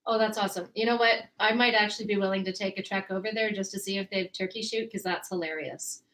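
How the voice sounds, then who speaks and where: A woman's voice: medium pitch, steady tone, quick pace, a bit bright. A woman co-hosting a casual chat, talking easily and laughing often. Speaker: co-host.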